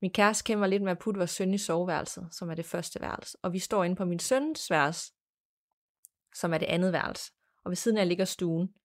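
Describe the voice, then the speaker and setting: A woman hosting a podcast, reading a listener's ghost story aloud in a measured, plain storytelling manner. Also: on the low side. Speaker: podcast host.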